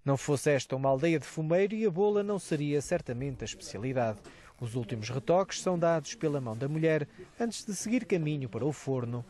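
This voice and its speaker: A man's voice: on the high side, animated, darkish tone. A man with a European Portuguese accent, reading a scripted news voice-over as a reporter. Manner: brisk, measured narration.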